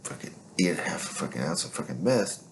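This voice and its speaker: A man's voice: extremely low pitch, sing-song, fairly quick, creaky, a little hiss or hum. A man telling stories in a casual monologue, swaggering and profane, rambling with constant fillers.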